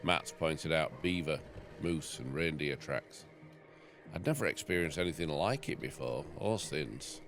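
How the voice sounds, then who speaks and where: A man with a very deep voice reads from the family book in a wry storytelling manner. Soft music plays faintly under him. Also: measured pace. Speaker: farmer reading his book aloud. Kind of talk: reading a memoir aloud.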